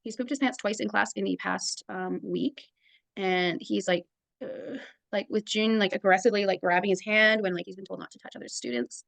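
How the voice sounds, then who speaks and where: A kindergarten teacher and native English speaker chats casually on a video call during a mentor meeting, rambling with many fillers. Her mid-range voice is steady, creaky, and a bit bright, at a moderate pace, with no echo.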